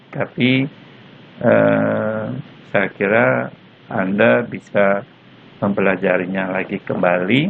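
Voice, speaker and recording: A male university lecturer explaining patiently and slowly, tagging his points with "ya", recorded as a lecture on a phone or laptop mic. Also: lowish voice, gravelly. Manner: slow, patient explaining with frequent "ya" tags. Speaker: German lecturer. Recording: lo-fi phone-like recording with faint noise.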